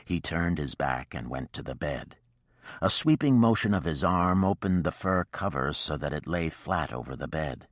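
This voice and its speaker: Male narrator, extremely deep voice, dry close sound, romance audiobook. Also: animated, moderate pace, dry recording.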